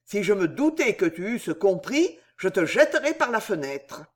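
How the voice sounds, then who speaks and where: A reader voicing a proud man poet who declaims with booming indignation. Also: sing-song, moderate pace. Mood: raging indignation.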